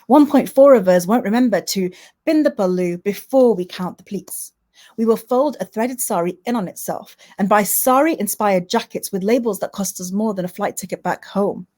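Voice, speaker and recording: A poet from Manchester, England, speaks at a mid pitch with a darkish tone. Chatting with her online audience between poems, she is hesitant and full of "um"s, but her readings become rhythmic and impassioned.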